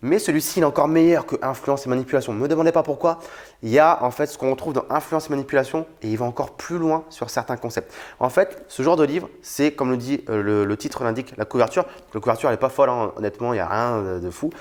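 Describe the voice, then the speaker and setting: A man's voice: mid-range voice, fast talker, a little mellow. Young man from France, casual vlogger, chatty and unpolished. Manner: chatty, frank, many fillers and restarts. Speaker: youtuber reviewing books. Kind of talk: casual talk to camera.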